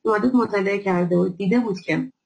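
A woman giving a recorded health lecture over slides, explaining step by step and pausing often on fillers. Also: mid-range voice, creaky, dull audio. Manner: explanatory, many filler pauses.

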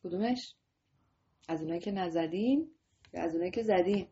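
A woman's voice: fairly low pitch, warm tone, highs cut off. A woman teaching a religious lesson to children on a video call. She talks straight to her students and asks them questions. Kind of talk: online class to children.

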